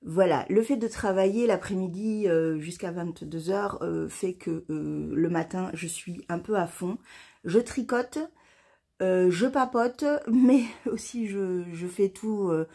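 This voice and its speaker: A woman from France chatting casually to camera in a knitting vlog, excited and rambling, stumbling and restarting her words. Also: fairly low pitch, unhurried, vocal fry, breathy edge. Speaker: knitting vlogger.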